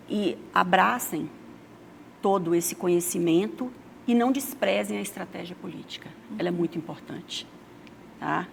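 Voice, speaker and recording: A woman's voice: lowish voice, vocal fry, a little hiss or hum. A Brazilian woman political strategist, a guest on a talk show, who gives emphatic advice and punctuates her points with "tá?". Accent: Brazilian Portuguese. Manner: emphatic, advising, ends points with "tá?". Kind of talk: studio talk show interview.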